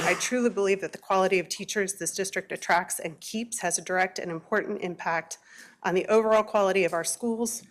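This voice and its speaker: A woman giving prepared public comment as a parent at a board meeting, earnest, measured and formal. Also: mid-range voice.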